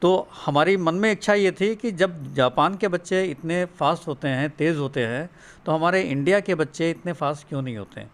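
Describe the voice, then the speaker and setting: A middle-aged man from Uttar Pradesh, speaking as a father answering questions in an interview. His voice sits a little high, and he explains his points in an earnest, steady way. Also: moderate pace. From Uttar Pradesh, India. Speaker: guest, father of a student.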